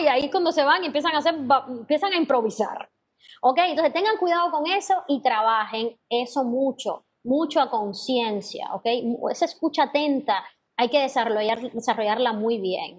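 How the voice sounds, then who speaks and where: A woman teaching a singing class, explaining patiently and singing sample notes and scat syllables. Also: sits high. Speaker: vocal teacher. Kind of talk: online class feedback to students.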